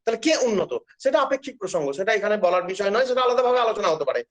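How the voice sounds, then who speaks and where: A man's voice: high voice, lively intonation, racing. A middle-aged man, a professor, giving an earnest, emphatic public lecture and repeating his key points. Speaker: professor of Bengali.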